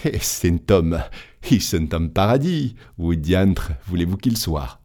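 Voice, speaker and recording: A man's voice: sits low, animated, slow pace, darkish tone, voice pushed down, exaggerated voice. A man voicing a solemn male angel who keeps a great book, grave and given to sighing, in a told tale. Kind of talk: audiobook storytelling.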